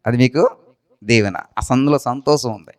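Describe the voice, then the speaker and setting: A man preaching a sermon from India with a Telugu accent, swinging between excited high retelling and quiet low asides. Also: normal speed, no echo. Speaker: pastor.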